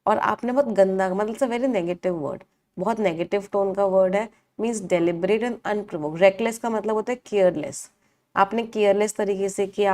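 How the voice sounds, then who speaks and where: A woman's voice: medium pitch, warm tone. A woman teaching English vocabulary in a live online class, asking the class questions, answering them herself and repeating each meaning.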